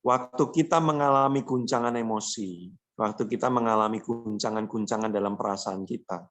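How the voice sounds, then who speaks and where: A man's voice: fairly low pitch, moderate pace, fairly bright tone. A man preaching a casual, joking youth sermon, slangy and acting out quoted voices. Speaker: youth pastor.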